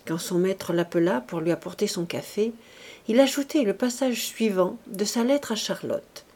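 A woman giving an expressive, dramatic audiobook reading of a classic novel, with music behind. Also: medium pitch, moderate pace. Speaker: audiobook reader.

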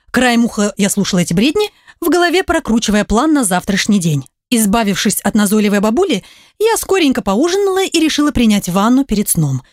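A woman reading a first-person story aloud, lively and ironic. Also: fairly high pitch, no room sound, studio quality. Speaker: audiobook reader. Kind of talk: scripted first-person narration.

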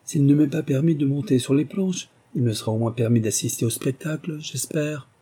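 A man's voice: medium pitch, brisk, mellow, breathy edge, pitched above the performer's own voice, close to an everyday voice. A man reading an audiobook, voicing a fussy, chattering elderly society marquise in a raised voice. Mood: eager.

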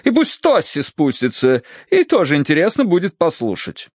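A man's voice: huge pitch swings, normal speed, darkish tone, no room sound, studio quality. A man voicing a flustered, hysterical middle-aged Victorian lady who frets and scolds melodramatically. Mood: fussy. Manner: shrill, fussy, melodramatic.

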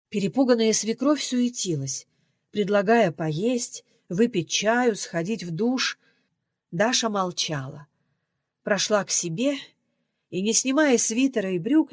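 A woman reading a novel aloud as audiobook narrator, in a measured storytelling delivery. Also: mid-range voice, dry recording. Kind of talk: scripted narration. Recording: dry close recording.

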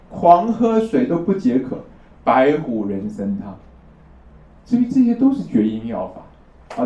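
This classroom lecture on traditional Chinese medicine comes from a man whose voice is slightly high and warm. He walks through the material step by step, often confirming that his audience agrees, and the recording sounds distant, roomy, and lo-fi.

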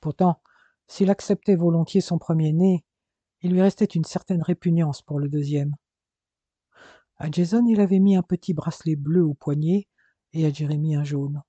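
Husky-voiced man narrating an audiobook. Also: a little high, steady tone, normal speed, dark tone, no echo. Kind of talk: scripted narration. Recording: dull, dry lo-fi recording.

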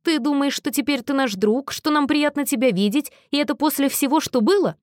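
A woman's voice: sits high, brisk, no echo, studio quality, voice pushed up, lightly acted. A woman voicing a volatile, bitter young man on the edge of breaking down, snarling and accusing in a raised voice. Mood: furious, accusing.

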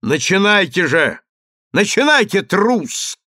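A man's voice: on the high side, big pitch swings, unhurried, gravelly, a bit bright, dry recording, studio quality, pitched above the performer's own voice, exaggerated voice. A man voicing an arrogant, scornful male duelist who talks in a sneering, contemptuous way.

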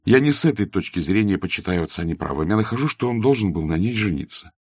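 A man reading an earnest, flustered young gentleman. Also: fairly low pitch, lively intonation, quick pace, slightly rough, no room sound, studio quality.

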